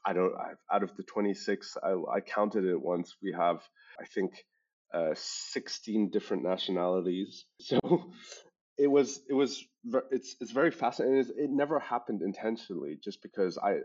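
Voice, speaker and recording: Interviewed as a startup founder, a Hong Kong-raised man with international school English shares stories in conversational answers. His voice sits on the low side and sounds a little mellow, while his phrasing is halting, self-correcting and emphatic. The podcast recording is dull and lo-fi.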